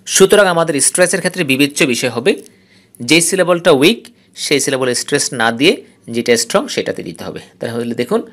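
In a recorded lesson on phonetics, a Bangladeshi man who teaches English speaks at medium pitch with a slightly bright tone. He takes his explanations slowly, goes over important terms repeatedly, and reads out English rules.

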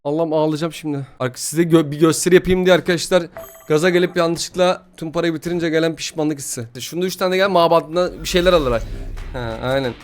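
A young man giving excited gameplay commentary while opening player packs, pleading and grumbling in frustration by turns. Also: fairly high pitch, fast talker, soft background music. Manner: swings from pleading to loud frustration.

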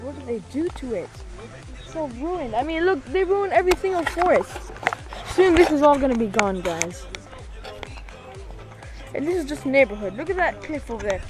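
An excitable woman vlogger with a somewhat high voice who swears freely and repeats herself as she talks to her viewers. Music plays clearly behind her throughout. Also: rough recording. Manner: excitable, profane, repeats phrases. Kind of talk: casual handheld vlog. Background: music playing.

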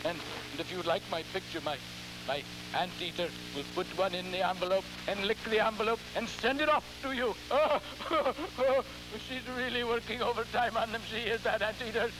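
A man playing a ghoulish, theatrical horror host, halting and repeating his words in a campy, scheming, cackling manner on an old television show. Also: high voice, steady tone, close to an everyday voice. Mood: macabre, gleeful. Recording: noisy, humming vintage television recording.

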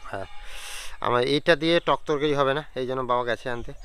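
A young man vlogging casually at home, sick with a cold and a sore throat, chatting with fillers and clearing his throat. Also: mid-range voice, fast, a bit bright, slight background noise. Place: at home and outdoors in the yard. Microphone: handheld camera on a stand.

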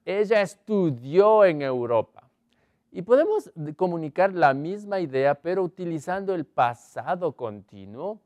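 Male online teacher, animated rising voice, dry close recording, slow clear English examples, quizzes the class. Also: a little high, no room sound. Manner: explains in Spanish, reads English examples slowly; asks students questions often. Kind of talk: online grammar lesson.

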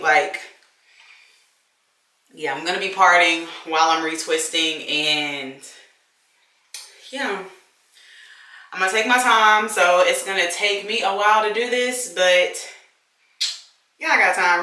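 A woman's voice: lowish voice, pushed and bright, distant mic. A young woman vlogger, chatting in a laid-back way about her hair care routine at home. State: congested. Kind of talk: casual hair-care vlog chat. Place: home bathroom. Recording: echoey bathroom.

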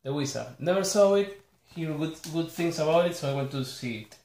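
A slightly high, expressive, darkish voice belongs to this Argentine man, who speaks Spanish natively with an Argentine accent. Showing his collector's haul in a casual chat to camera, he lists the titles individually, halting and apologetic, from a small, echoey indoor bedroom.

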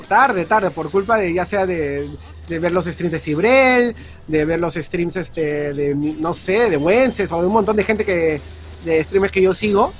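A man with a Peruvian accent, chatting casually as a speedrun stream commentator, upbeat and full of fillers. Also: on the high side. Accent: Peruvian Spanish. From Peru.

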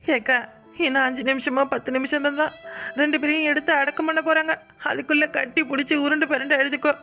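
A woman's voice: high voice, level tone, fast, bright, forceful tone, soft background music. A woman voicing a pushy village neighbour who gives urgent, bossy orders in a cartoon comedy. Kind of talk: cartoon voice acting.

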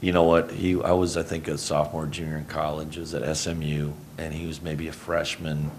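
Speaking a little fast with little pitch movement, a middle-aged head coach from Houston, Texas, meets reporters after a basketball game. Into a table mic on a stand in the press room, he rambles low-key and keeps correcting himself, with slight background noise around him.

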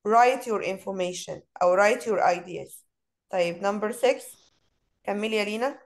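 A woman's voice: medium pitch, poor audio. A woman with an Egyptian Arabic accent teaching an online English lesson, mixing Arabic and English and drawing out words as she models them. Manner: switches between Arabic and English, drawn-out word modeling.

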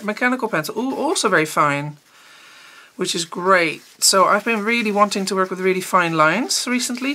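Female art teacher, casual unboxing chat, clear bright voice, enthusiastic and thinking aloud. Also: mid-range voice, a little hiss or hum.

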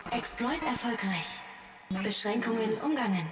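A woman's voice: fairly high pitch, animated, normal speed, close to an everyday voice. A woman playing a ghostly, captive female spirit in a video game, pleading in an ethereal voice. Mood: halting, formal. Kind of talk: dramatic video game acting. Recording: distant, echoing, under very loud music.

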